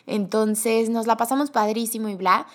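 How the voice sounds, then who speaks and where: Young Mexican woman, chatty and animated host telling a story. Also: on the high side. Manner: chatty, animated, quick bursts with laughter. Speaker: podcast host. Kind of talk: casual storytelling monologue.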